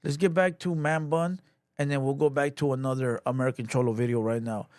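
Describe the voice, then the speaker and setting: A man's voice: mid-range voice, steady tone, fairly quick, a little mellow, dry recording, clean studio sound. A man casually chatting on his livestream, loose and slangy, with lots of "you know" and "bro". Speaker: livestream host.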